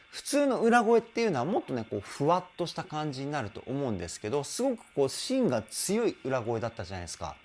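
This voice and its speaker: A man's voice: on the high side, darkish tone. A man working as a vocal trainer, giving enthusiastic, explanatory commentary as he analyzes a song.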